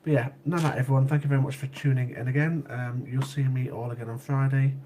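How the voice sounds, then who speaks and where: This fast-talking man has a mid-range voice with a flat delivery and a dark tone, and a little hiss or hum runs under the recording. As a livestream host nursing a sniffly cold, he chats casually with live chat viewers, repeating himself often and quick to laugh.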